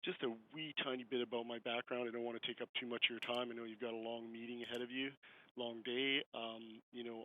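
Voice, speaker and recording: A man in his fifties on a glitchy, faint phone line, speaking haltingly with many fillers during public comment at a council meeting. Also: medium pitch, slight background noise. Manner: hesitant, halting, full of "you know" fillers. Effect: glitchy, faint phone-line audio.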